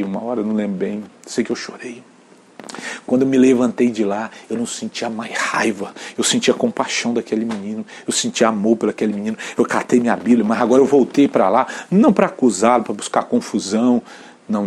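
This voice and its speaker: A Brazilian man, a pastor, preaching an earnest sermon, sometimes dropping to a near whisper and sometimes rising to loud emphatic peaks. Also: lowish voice, slight background noise.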